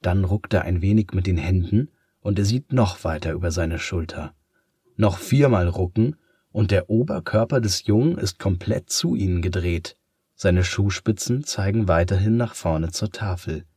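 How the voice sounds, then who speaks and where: Guy reading a kids story, low husky voice, calm and measured, dry close sound. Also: dry recording. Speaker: narrator.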